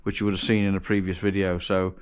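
Talking fast in a low, clear, resonant voice with a level tone, a home mechanic vlogger walks through an engine rebuild while working. He thinks aloud casually, restarting and fixing his own slips. The setting is a large, cluttered indoor garage workshop, captured by a chest-mounted action camera.

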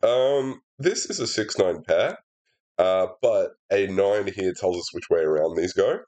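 Sitting at his desk indoors, a congested young man who sets puzzles and hosts walkthroughs solves a sudoku at a measured pace. His slightly low voice is caught by a laptop's built-in mic as he relaxedly explains every move, full of "uh" and "um."

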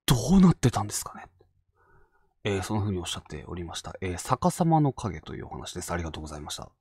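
A man from Fukushima leads a ghost story session and narrates the tale himself. His pitch rises and falls dramatically as he builds the suspense, and he often sinks to a hushed voice at the tense moments. The sound is dry and close, with almost no room echo. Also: big pitch swings, very fast, husky. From Fukushima Prefecture, Japan. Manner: dramatic storytelling, drops to hushed tones for tension. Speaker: ghost story teller and host.

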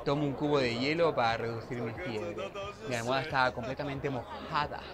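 A man's voice: medium pitch, fairly quick. A man with an Argentine accent reacts to a TV episode and reads its subtitles aloud, with gushing exclamations and giggles. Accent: Rioplatense Argentine Spanish. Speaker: reaction video host. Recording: show audio with crowd noise underneath.

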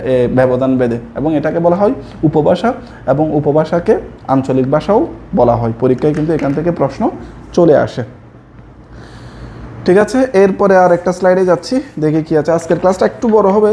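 A man's voice: fairly high pitch, dark tone, a little hiss or hum. A young man from Chittagong with a Chittagonian Bengali accent, teaching a coaching lesson from slides and repeating key answers to his students. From Chittagong, Bangladesh. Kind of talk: slide-based exam prep lesson.

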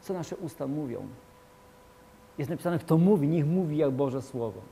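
A man's voice: a little high, lively intonation, normal speed, vocal fry, breathy edge. Emphatic man preaching a sermon. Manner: emphatic, repetitive, swings between loud and quiet. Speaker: pastor.

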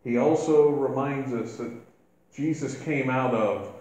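A man, a minister, preaching a sermon in a church in a slow, deliberate way, rising in force when he quotes scripture. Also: mid-range voice, a little mellow. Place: church sanctuary. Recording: echoey church hall.

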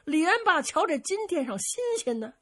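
A woman storyteller with a Beijing accent, telling a traditional tale in a lively, vivid way and switching between character voices. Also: high-pitched, moderate pace. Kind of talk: traditional Chinese pingshu storytelling.

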